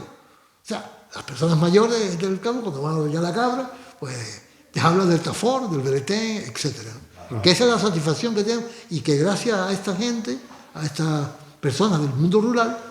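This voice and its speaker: Canarian man, high voice, echoey hall. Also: sing-song, normal speed. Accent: Canarian Spanish. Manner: explanatory, with many restarts and asides. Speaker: book author. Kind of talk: book presentation talk. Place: cultural centre hall.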